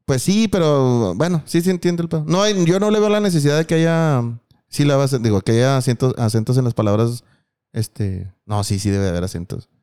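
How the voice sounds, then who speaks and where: A man's voice: medium pitch, expressive, a little fast, dark tone, clean tone. A man with a Mexican Spanish accent, co-hosting a casual chat podcast, arguing his points in slangy, profane talk. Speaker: podcast co-host.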